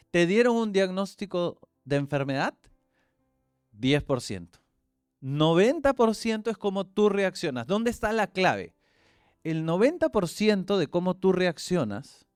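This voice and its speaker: A man's voice: clear, resonant tone, dry recording, studio quality. A man, preaching a sermon and telling stories, acting out the voices in them. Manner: storytelling, acts out quoted voices with big pitch swings.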